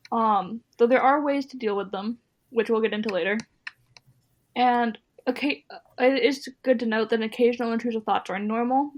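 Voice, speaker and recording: A woman co-hosting a podcast in casual chat, reading her lines in a conversational way with fillers. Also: on the high side. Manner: conversational, reads scripted parts with fillers. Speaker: podcast co-host.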